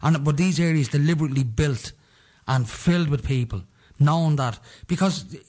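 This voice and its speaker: A man's voice: on the high side, moderate pace, a little mellow. A man with a Dublin accent hosting a radio talk show, chatting casually in a rambling way with lots of fillers. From Ireland. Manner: rambling, conversational, many fillers.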